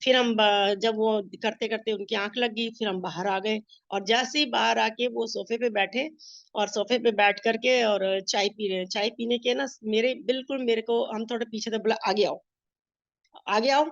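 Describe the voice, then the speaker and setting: Middle-aged Indian woman with a fairly high voice, giving a storytelling testimony, dry and slightly muffled. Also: fairly even intonation, normal speed, no echo. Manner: storytelling, acting out quoted dialogue. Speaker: meditation master sharing her experience. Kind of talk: personal testimony. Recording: dull lo-fi sound.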